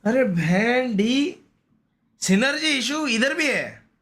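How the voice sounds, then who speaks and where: Speaking slowly in a very high-pitched, expressive voice with a fairly bright tone, an Indian-accented man talks to his game-stream audience. His chat is casual and slangy, full of repetition, exclamations and grumbles.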